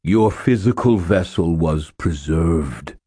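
A man voicing an enormous, ancient, inhuman island spirit that speaks in slow, flat, emphatic pronouncements. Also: sits low, husky, no echo, studio quality, full character voice. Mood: solemn. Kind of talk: audiobook narration.

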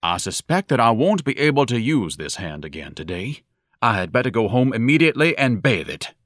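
A man's voice: medium pitch, very animated, fairly quick, fairly bright tone, dry recording, studio quality, voice pushed up. Man putting on a pompous, lecturing blowhard. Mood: indignant, lecturing. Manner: didactic, grandiloquent, self-important. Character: pompous, fussy, overweight grown man.

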